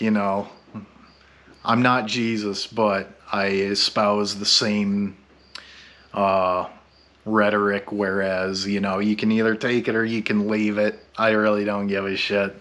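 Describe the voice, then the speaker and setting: A drunk man rambling through a blunt, profane vlog monologue, halting and meandering, stammering over his words. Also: on the low side, a bit bright. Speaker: YouTube vlogger.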